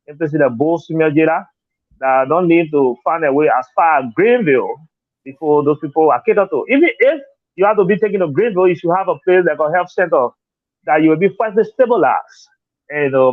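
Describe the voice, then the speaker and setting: Heard through a dry, tinny phone line without room sound, a man with a slightly high voice and a Liberian accent responds to interview questions as a political candidate. He is earnest, repeats himself, and relies on "you know."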